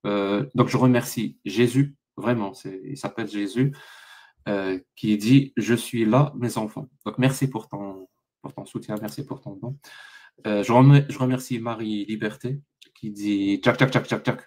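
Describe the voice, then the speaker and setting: A man hosting a live online debate, pressing his guest with sarcastic rapid questions. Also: fairly low pitch, a little mellow. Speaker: debate host.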